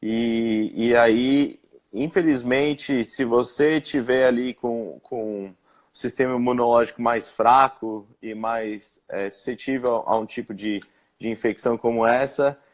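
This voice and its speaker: A young man from Brazil tells his own story in a live-stream interview. He speaks haltingly, with frequent fillers and false starts, in an ordinary mid-range voice. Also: mid-range voice, fairly even intonation. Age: young adult. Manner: hesitant, many fillers and restarts. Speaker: interviewed guest.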